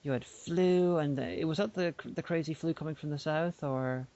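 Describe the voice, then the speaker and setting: This woman co-host speaks at a normal pace in a low, warm voice with no echo. Her podcast chat is casual, playful and rambling, with frequent sentence restarts. She's heard through a remote call mic, and the online call audio is dull and lo-fi.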